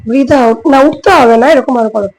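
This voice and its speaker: Bengali lady vlogger, hoarse throat from a cold, high voice, filming at home on her phone. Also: a little fast, a little mellow, poor audio. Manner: coaching a child through yoga, counting aloud. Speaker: family vlogger. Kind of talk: casual vlog talk to viewers.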